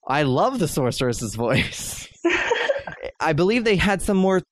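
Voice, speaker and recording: A man's voice: fairly high pitch, very animated, slow, no room sound. A man hosting a podcast in casual chat, talking with lots of fillers and frequent laughs. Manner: chatty, laughs often, many fillers. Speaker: podcast host.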